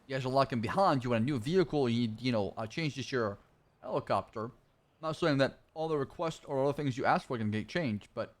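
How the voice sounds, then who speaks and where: A man's voice: medium pitch, quick pace. Man, roleplay player; casual, reassuring explainer. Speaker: roleplay city liaison. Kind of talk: in-character roleplay chat.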